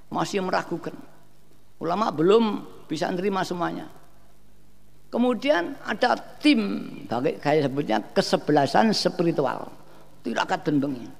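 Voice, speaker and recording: A man's voice: sits high, gravelly. A man preaching a sermon at a large outdoor gathering, with a rising and falling cadence and mixed in.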